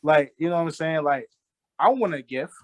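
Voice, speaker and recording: A man with a slightly high voice rambles through jokes and opinions in casual podcast talk. The sound is close and dry with no room echo. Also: lively intonation, moderate pace. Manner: rambling, jokey, many fillers like "you know what I'm saying". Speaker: podcast co-host. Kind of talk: casual chat.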